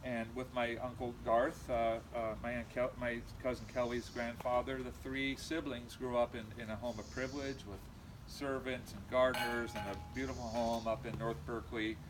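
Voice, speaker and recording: A middle-aged man from California with an American accent, giving an informal eulogy in a halting, reminiscing way with frequent pauses. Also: mid-range voice. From California, USA. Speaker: eulogist, nephew of the deceased. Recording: noisy amateur recording, steady background noise.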